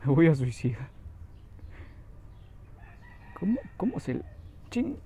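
A young man with a Mexican Spanish accent commenting on his own gameplay, excitable and swearing, yelping when in danger. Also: fairly high pitch, brisk, slight background noise. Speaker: gameplay streamer. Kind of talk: gaming commentary.

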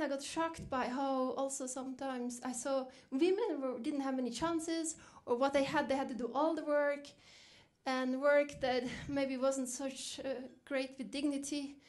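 High and slightly mellow, the voice belongs to a middle-aged Norwegian woman giving a reflective storytelling keynote at a dinner. When she quotes herself, she lifts her voice.

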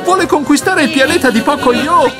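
A woman with a high-pitched voice and lively intonation narrates a children's cartoon at a moderate pace, telling the scripted story expressively and addressing the characters and young viewers directly. Cartoon music plays as a bed beneath her voice.

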